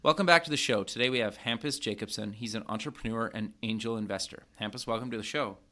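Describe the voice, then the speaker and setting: A man's voice: lowish voice, fast, sharp tone. A man from North America hosting a podcast interview, upbeat and casual, hedging his questions with "kind of" and fillers. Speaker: podcast host.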